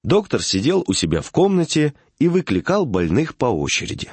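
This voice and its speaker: A man narrating a classic short story in a measured, expressive reading. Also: mid-range voice, husky, no echo.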